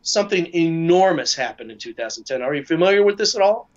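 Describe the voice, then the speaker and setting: A man talking casually as a guest, halting often with fillers and restarts. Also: on the high side, expressive, highs cut off. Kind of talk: casual discussion.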